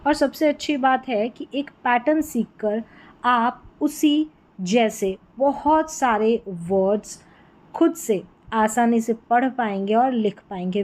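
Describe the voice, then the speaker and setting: A woman's voice: on the high side, darkish tone, poor audio. A woman teaching an English spelling lesson, explaining patiently and repeating words so learners catch them. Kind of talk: Hindi-language spelling lesson.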